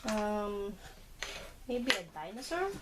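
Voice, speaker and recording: A woman's voice: mid-range voice, animated, slow. A woman playing with her small son at home, talking to him in simple, patient words. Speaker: mother playing with her toddler. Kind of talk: casual home video play. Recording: home video with noise.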